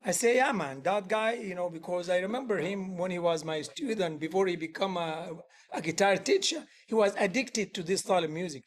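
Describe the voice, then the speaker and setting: In a relaxed workshop setting, this male musician and music teacher speaks fairly quickly with a high voice. His delivery is earnest but wandering, grammatically loose, and full of sentences he starts over.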